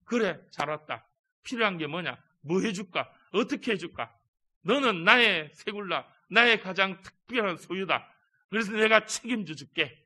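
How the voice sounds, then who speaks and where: God as a tender, promising father, warm and reassuring, as a male preacher puts Him on in a sermon. The voice sits high and bright, and it speaks like a caring parent comforting a child. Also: animated, moderate pace, exaggerated voice.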